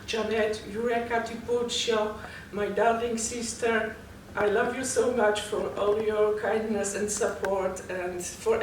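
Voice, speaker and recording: A woman from Poland with a Polish accent and halting non-native English, talking about herself as an interview guest. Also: mid-range voice, darkish tone. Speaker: guest, poet and novelist. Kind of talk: interview, personal account. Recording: very echoey, distant mic, noisy background.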